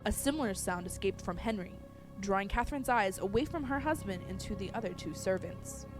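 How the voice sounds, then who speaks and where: A woman storyteller narrating a horror story in a suspenseful way, growing hushed at tense moments. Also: mid-range voice, lively intonation, a little fast. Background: music.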